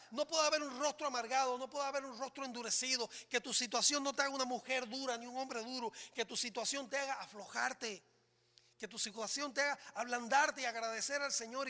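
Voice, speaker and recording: Dramatic pastor guy preaching, sharp bright tone, long church echo, goes from shouting to hushed. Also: extremely high pitch. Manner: dramatic, swings between loud exclamations and hushed lines. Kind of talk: sermon. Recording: reverberant church hall.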